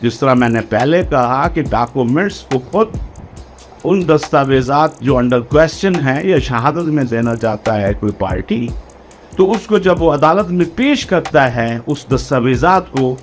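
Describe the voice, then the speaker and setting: With a mid-range voice and lively intonation, a man lectures exam candidates on law, taking it slowly, spelling out key phrases one word at a time and using English legal terms along the way. Faint music sits behind him.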